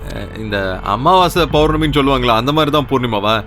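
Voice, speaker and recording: An actor dubbing a simple, grieving young stone-breaker who talks in a plain rustic way, sometimes tearful. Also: male voice, medium pitch, expressive, a little fast, fairly bright tone, faint music behind, lightly acted. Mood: sorrowful. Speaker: lead character. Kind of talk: Tamil film dub.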